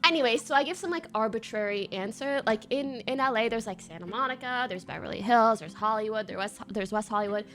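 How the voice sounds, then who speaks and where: A woman streamer telling a story in casual chat to her viewers, animated and slangy, laughing often and swearing now and then. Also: fairly high pitch, fast talker, few pauses, faint music behind.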